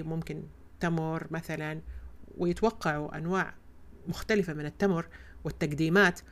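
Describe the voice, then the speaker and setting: A woman hosting a podcast, telling a personal story in an expressive, emphatic way. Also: mid-range voice. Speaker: podcast host. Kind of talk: personal reflective podcast talk.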